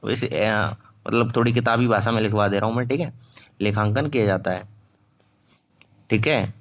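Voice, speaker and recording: A man's voice: fairly low pitch, moderate pace. A young man teaching an online class, dictating notes in a casual way. He mixes Hindi and English, stops to check in after nearly every phrase and corrects his own slips aloud.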